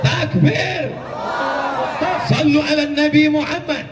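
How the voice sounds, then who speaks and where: A man preaching at a large outdoor rally, shouting rhetorical questions and leading the crowd in call-and-response. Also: extremely high pitch, takes it slowly, very noisy. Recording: echoey public address heard from far off.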